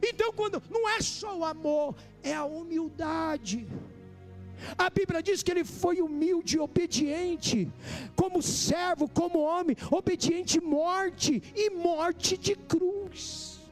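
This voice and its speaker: A man, preaching a sermon as pastor, with fervent delivery that climbs to shouting. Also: very high-pitched, takes it slowly, soft background music.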